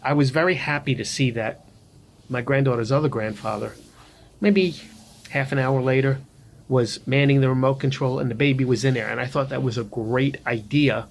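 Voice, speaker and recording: An older man telling a personal story in a casual vlog, rambling with frequent pauses and restarts. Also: medium pitch, creaky, slight background noise. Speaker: vlogger.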